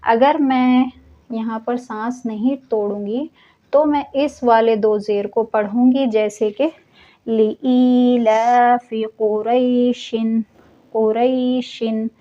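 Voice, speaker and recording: Slow, patient woman teaching recitation. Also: on the high side, warm tone, muffled recording. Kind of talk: online tajweed class explanation.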